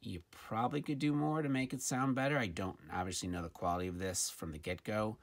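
A gadget review presenter talks a little fast in a lowish voice with fairly even intonation. He's demonstrating the product hands-on at a table indoors, casual and slightly hesitant, as if thinking aloud. The recording has faint background noise plus handling clicks.

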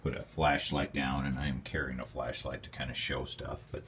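A man with a very low voice walks through his dark stone basement. He films on a handheld phone and talks in a plainspoken, rambling way. The sound echoes in the basement room, with a faint hum behind him. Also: level tone, moderate pace, gravelly. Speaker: homeowner giving a basement tour. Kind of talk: casual walkthrough narration. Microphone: handheld phone camera.

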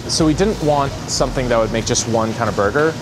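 A man's voice: medium pitch, a little fast, noisy background. A man in his thirties being interviewed in his restaurant, explaining his product with enthusiasm. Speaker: restaurant founder. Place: restaurant with open kitchen.

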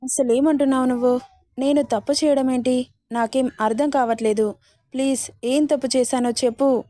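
A woman's voice: sits high, fairly even intonation, normal speed, mellow, no echo, clean studio sound, natural voice. A woman voicing a sweet, coaxing young girlfriend.

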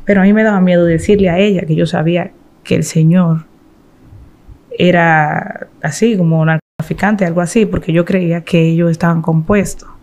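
A woman speaks as a guest in an interview. She tells her own story in an earnest, halting way, stopping to restart her sentences and acting out what others said. Her voice is dark and mellow. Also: fairly low pitch, fairly even intonation.

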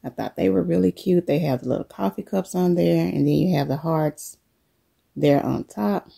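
A middle-aged vlogger shows off what she carries in her bag in an easygoing chat from her living room while coming down with a cold. Her voice sits on the low side and sounds gravelly and husky, and the show-and-tell moves at an unhurried pace.

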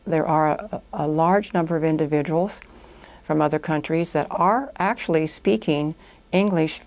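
An older guest, around her 60s or 70s, who owns a language institute, answers interview questions in a small indoor podcast studio. Her explanations are conversational and go step by step. The voice is low-pitched and a little mellow, at a moderate pace.

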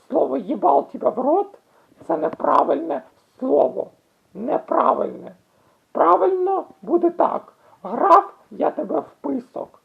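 A woman explaining word usage in a casual video, halting often with restarts and drawn-out fillers. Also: high-pitched, gravelly. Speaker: language explainer. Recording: tinny phone-like audio.

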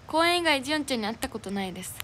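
High-voiced young woman with a Kansai accent. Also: expressive, very fast, a bit bright. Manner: cheerful, chatty, thanks viewers for gifts. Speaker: idol livestreamer. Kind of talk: casual livestream chat reading viewer comments. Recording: noisy livestream audio.

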